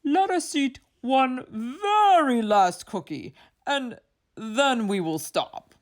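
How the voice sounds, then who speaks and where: Storybook toad, male, childlike and anxious played by a woman; raised, swooping pitch, unhurried, emphatic exclamations. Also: expressive. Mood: greedy, pleading.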